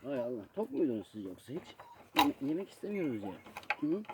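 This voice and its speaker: A man's voice: mid-range voice, huge pitch swings, brisk, heavy background noise. A man talking casually to his animals in a doting, coaxing way, scolding them playfully. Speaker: vlogger with pets.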